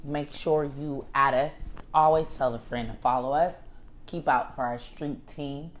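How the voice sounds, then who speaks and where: A woman's voice: very deep voice, steady tone, a little slow. A wheezy-voiced woman co-hosting a casual podcast, speaking emphatically and repeating phrases in lists. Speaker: podcast co-host.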